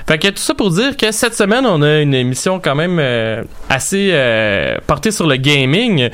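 A man's voice: on the high side, sing-song, normal speed, a bit bright, clean tone. A man with a Quebec French accent, casually hosting a gaming talk show. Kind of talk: casual chat, loosely hosting.

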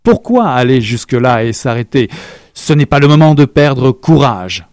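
A man reading aloud, voicing a theatrical male revolutionary leader who declaims with passion and rises to loud peaks. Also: mid-range voice, very animated, normal speed, no room sound, studio quality. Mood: impassioned.

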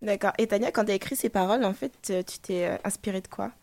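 A woman interviewer asking a band about their music, brisk and friendly. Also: mid-range voice, gravelly, a little mellow, no room sound. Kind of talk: interview questions.

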